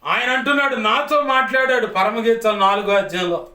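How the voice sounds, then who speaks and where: A man's voice: high voice, fairly even intonation, fairly quick, pushed and bright. A man, preaching a sermon as pastor in an emphatic, repetitive cadence. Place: church hall. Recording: echoey church hall, distant mic.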